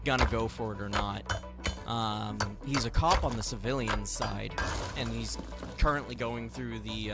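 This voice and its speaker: A man in a casual chat, telling a story and acting out the people in it. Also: lowish voice. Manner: animated storyteller, acts out quotes. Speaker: podcast host.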